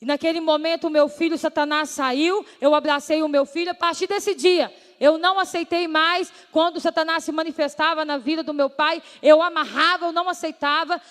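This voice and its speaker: A woman pastor tells her testimony to a congregation in an earnest preaching voice. Her voice sits notably high. It rings out with a long reverb in a church hall. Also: fairly even intonation, fairly quick, hardly any pauses, fairly bright tone. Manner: earnest, addresses listeners as brothers and sisters.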